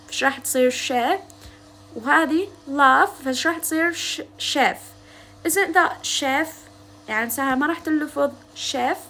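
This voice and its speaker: A young woman with an Iraqi Arabic accent teaching a linguistics textbook, reading English passages slowly and then explaining them in casual Arabic. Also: high voice, a bit bright, a little hiss or hum.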